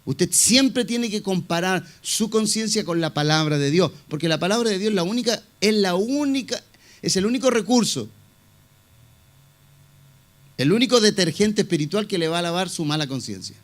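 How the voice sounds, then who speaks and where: High-voiced male pastor preaching. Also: expressive, normal speed. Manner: conversational preaching with many fillers and repeated phrases; asks the congregation rhetorical questions. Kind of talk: sermon.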